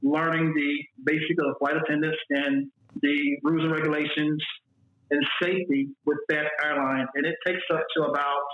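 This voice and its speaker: Here a fairly high-pitched male voice with little pitch movement moves at a moderate pace. He's a forties-aged Mississippian describing his flight attendant work in a casual interview, rambling and repeating words, recorded in an echoey room with phone-like sound.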